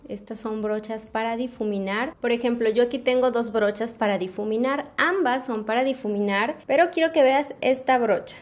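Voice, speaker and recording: A young woman with a Mexican accent, her voice sitting a little high, walks a viewer through a makeup tutorial step by step. She is patient and explains gently, sprinkling in fond little diminutives. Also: moderate pace, few pauses. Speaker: beauty vlogger.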